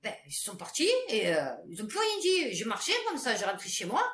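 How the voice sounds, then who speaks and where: Woman vlogger, chatty and rambling, animated delivery, echoey room. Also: on the high side, brisk. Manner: chatty, many fillers and restarts. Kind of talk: casual rambling storytelling to camera. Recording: echoey room with faint background noise.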